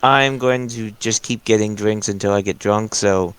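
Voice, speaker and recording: A man's voice: lowish voice, normal speed, fairly bright tone. A man playing a tabletop game, chatting casually and joking. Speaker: player.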